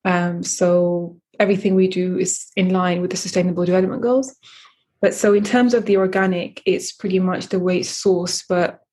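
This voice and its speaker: With a fairly low, dark, slightly rough voice and a flat delivery, an Eritrean woman who founded a coffee company answers interview questions. She stays measured but uses many fillers and restarts.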